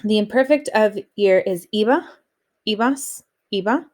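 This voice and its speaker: A woman's voice: mid-range voice, a little slow, a little mellow. A woman teaching a recorded lesson on Spanish grammar, explaining rules steadily and reading example sentences aloud.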